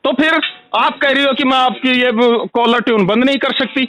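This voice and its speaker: An angry man complaining loudly on a recorded phone call. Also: extremely high pitch, normal speed. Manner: furious, ranting, repetitive. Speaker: angry caller.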